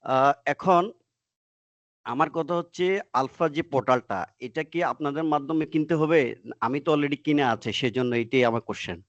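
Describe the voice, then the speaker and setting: A man from Bangladesh asks his teacher questions in an online class, polite and halting, clearing his throat between thoughts. His voice sounds dry and a little dull over the call. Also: fairly high pitch, no echo. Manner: deferential, hesitant with fillers and throat clearing. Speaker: student. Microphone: video call.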